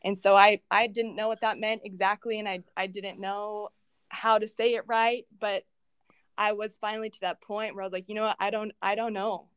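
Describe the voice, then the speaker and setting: A woman in a personal conversational interview, earnest and halting, telling her faith story at home with many restarts and fillers. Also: mid-range voice, flat delivery, clean tone, no room sound. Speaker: guest sharing her faith testimony.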